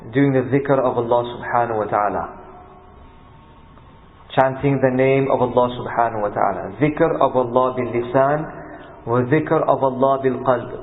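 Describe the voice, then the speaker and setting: A man's voice: mid-range voice, slight background noise. Man teaching a lesson over a tinny line. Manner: measured teaching with Arabic recitation. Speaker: teacher of an Islamic text. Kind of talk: religious lesson. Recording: tinny phone-like lecture recording.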